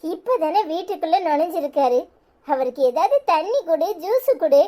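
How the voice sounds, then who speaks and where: A woman voicing a gentle, wronged young wife in a cartoon, pleading and hurt, with a Tirunelveli Tamil accent. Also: big pitch swings, normal speed. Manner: pleading and hurt, softer and lower.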